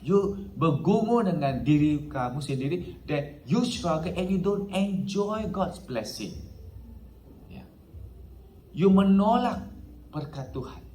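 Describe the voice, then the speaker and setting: This pastor's slow, dark-toned voice sits a little high and swings widely in pitch, with a touch of hiss or hum. Preaching in a church hall, he slips English phrases in and keeps repeating "ya," the echoey room carrying faint ambience.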